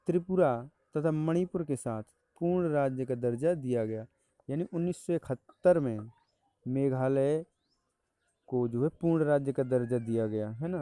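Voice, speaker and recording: A man teaches an exam-prep lesson in a mellow, smooth voice. He goes back over the key points and keeps checking in with his students. The recording is close and dry. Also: mid-range voice, no room sound. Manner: repeats key dates with tag questions.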